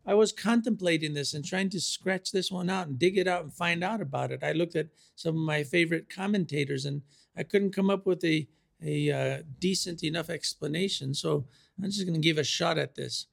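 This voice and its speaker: A man preaching a sermon, slow and deliberate, repeating key phrases for emphasis. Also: fairly high pitch, vocal fry.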